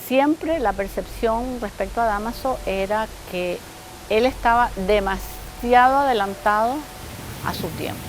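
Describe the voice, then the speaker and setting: A woman from Chile, interviewed for a documentary, recalls the past reflectively and pauses to search for words. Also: a little high, a little hiss or hum, rough recording. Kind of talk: interview recollection.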